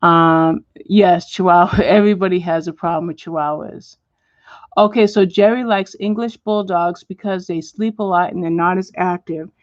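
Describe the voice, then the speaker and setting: A woman hosting a home livestream as she colors. She chats with viewers and answers them by name, and now and then she drops to a soft whisper. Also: fairly low pitch, steady tone, normal speed, no room sound, highs cut off. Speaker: livestream host. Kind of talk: casual chat while coloring, reading viewer comments. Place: at home, indoors.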